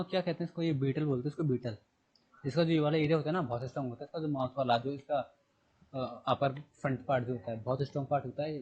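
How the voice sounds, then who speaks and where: This recorded classroom lesson features a man whose medium-pitched voice is a little mellow and husky, captured in lo-fi sound. Teaching general knowledge, he asks his own questions and answers them, repeating terms and spelling words letter by letter.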